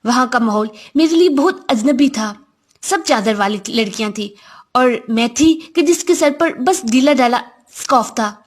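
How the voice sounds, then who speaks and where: A woman's voice: high-pitched, expressive. A woman reading a first-person story aloud in a reflective, confiding manner.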